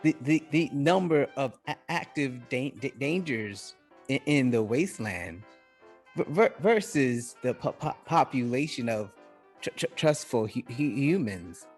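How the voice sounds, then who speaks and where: A man's voice: medium pitch, animated, measured pace, faint music behind, natural voice. A man voicing an anxious male butler robot who stammers and glitches on the start of his words and calls everyone mister. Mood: glitchy, nervous. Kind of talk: playing a character in a tabletop game.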